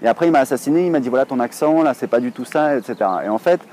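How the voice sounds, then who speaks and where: A French man in his thirties talks straight to camera in a loose, rambling vlog, filling pauses with hesitations as he goes. His voice is mellow and soft-edged, at an ordinary pitch for a man. Faint urban street noise sits behind him outdoors. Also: lively intonation. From France. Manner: chatty, rambling, many hesitations. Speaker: online English teacher, blogger.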